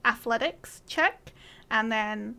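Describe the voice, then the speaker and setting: A woman's voice: on the high side, takes it slowly, creaky, bright, forceful tone. A woman narrating as game master of a tabletop game, laughing and tripping over names as she goes. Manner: giggly, stumbling over names.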